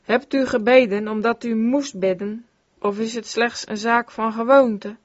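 A woman reading an old-fashioned sermon aloud in an earnest, measured way. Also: fairly high pitch, steady tone, no room sound. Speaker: sermon reader. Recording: dull, dry lo-fi recording.

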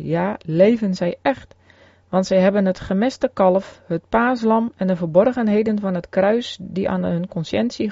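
A man reading an old sermon aloud as a preacher, in a solemn, earnest and measured way. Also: mid-range voice, warm tone, dry recording, dull audio.

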